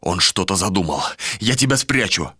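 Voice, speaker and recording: A man's voice: deep voice, big pitch swings, moderate pace, bright, forceful tone, slightly rough, no echo, studio quality, full character voice. A man voicing a possessive, unhinged nobleman in an audiobook, with a commanding, menacing delivery. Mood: obsessive. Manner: commanding, then obsessive and menacing. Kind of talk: audiobook character voice.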